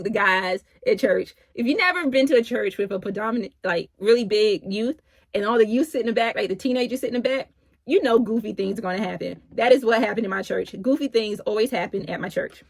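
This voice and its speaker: A middle-aged woman tells a personal story in a loose, chatty way, her voice sitting a little high. The sound is dry and close, with no room around it. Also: fairly quick, dry recording. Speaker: vlogger. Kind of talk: casual storytelling to camera.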